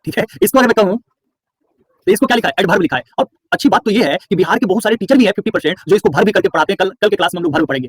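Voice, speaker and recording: A male teacher from Bihar gives an online class lecture in a high, breathy voice with no room sound. He quizzes his students, then answers each question himself, repeating words for stress.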